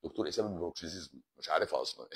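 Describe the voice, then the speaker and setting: A man with an Egyptian Arabic accent, a doctor hosting a live stream and answering viewer comments in a joking, teasing, sarcastic way. His voice is husky. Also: very deep voice, expressive, racing.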